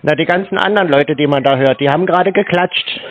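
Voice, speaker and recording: On a conversational phone call, a man who prank-calls scam call centres plays naive and keeps pressing with questions. His voice is a little high and his pace quick, carried over slightly dull lo-fi call audio.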